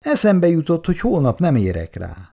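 A man voicing a sly, prying gentleman who asks pointed questions and mocks. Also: fairly high pitch, huge pitch swings, gravelly, pitched above the performer's own voice, full character voice. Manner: mocking and inquisitive.

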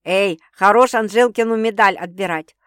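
A woman's voice: fairly high pitch, very animated, normal speed, no echo, clean studio sound. A woman reading an audiobook voices Sveta, a brash young woman who teases her sister with bawdy, mocking jokes. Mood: teasing.

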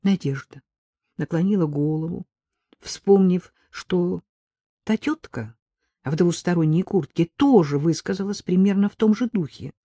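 An audiobook narrator reading a detective novel in steady scripted narration. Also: medium pitch, a little slow, slightly rough, no echo.

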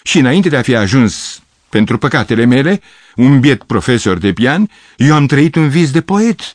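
A man's voice: sits low, animated, vocal fry, breathy edge, no echo, exaggerated voice. A man voicing an aging male piano teacher who is pompous and self-pitying, with a theatrical, pathetic way of declaiming.

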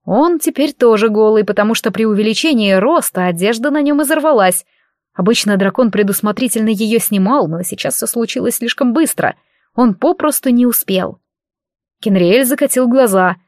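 A woman narrating a fantasy audiobook with lively, expressive storytelling. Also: fairly high pitch, moderate pace, dry recording, studio quality.

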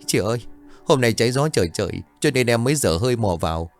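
A man's voice: medium pitch, animated, fast talker, soft background music, close to an everyday voice. A man voicing a cowardly young male street thug who sobs, pleads and slips into rhymed verse. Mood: pleading.

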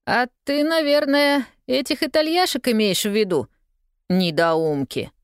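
A woman's voice: high-pitched, unhurried, clear, resonant tone, no echo, clean studio sound, pitched above the performer's own voice. A woman voicing a cocky young street newsboy who talks in a slangy, scoffing, drawling way.

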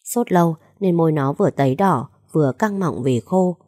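Audiobook narrator, woman, measured delivery; mellow tone, dry sound. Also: deep voice, no echo. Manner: steady, measured storytelling.

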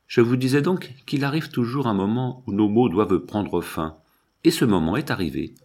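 A man reading a novel aloud, with measured, expressive first-person storytelling in a husky voice. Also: medium pitch. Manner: measured, expressive storytelling, slow at chapter headings. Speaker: audiobook narrator. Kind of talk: scripted narration of a novel.

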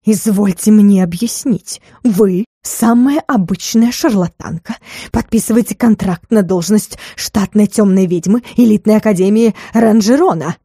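A woman voicing a cold, menacing dragon lord in an audiobook, speaking slowly and hissing through clenched teeth. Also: mid-range voice, warm tone, husky, dry recording, clean studio sound.

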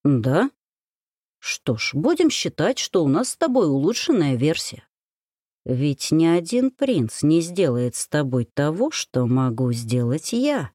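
A woman voicing a devoted, possessive husband in an audiobook, speaking in a low, husky, intimate murmur. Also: sing-song, unhurried, dark tone, no room sound, studio quality, full character voice. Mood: tender intimate.

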